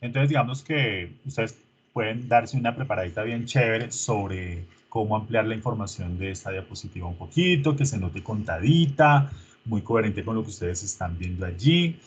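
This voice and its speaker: A man's voice: fairly low pitch, expressive, normal speed, slightly rough, dull audio. A man, a teacher coaching his students through an online rehearsal in an informal, coaxing way, full of diminutives.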